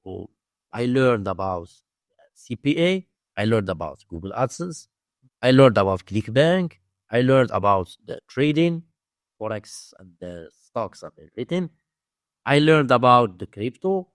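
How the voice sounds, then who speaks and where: In a dry interview with no echo, a Moroccan-accented man talks in a mid-range voice that swings widely in pitch. He teaches domain investing and recounts stories in halting non-native English full of repetition.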